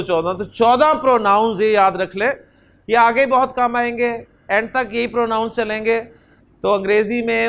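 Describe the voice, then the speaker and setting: A man's voice: high voice, fairly bright tone. A man teaching a classroom lecture and leading recitation drills with patient repetition. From Pakistan. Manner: patient, repetitive, often adds "ji". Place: classroom with students.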